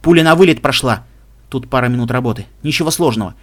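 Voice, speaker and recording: A man voicing a frantic middle-aged doctor who talks loudly and brusquely in an audiobook reading. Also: mid-range voice, close to an everyday voice. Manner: loud, hurried, brusque.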